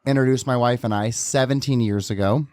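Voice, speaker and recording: Guy hosting a podcast, lively storyteller, mid pitch, dry close mic. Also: brisk, dry recording. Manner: animated storyteller, chatty and energetic. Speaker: podcast host. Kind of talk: casual podcast chat.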